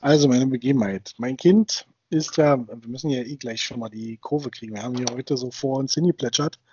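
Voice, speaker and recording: Gemütlich plaudernder Mann, dunkle Stimme. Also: male voice, mid-range voice, brisk, dark tone, breathy edge. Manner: rambling, lots of fillers and restarts. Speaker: podcast co-host. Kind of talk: casual chat. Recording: dull dry sound.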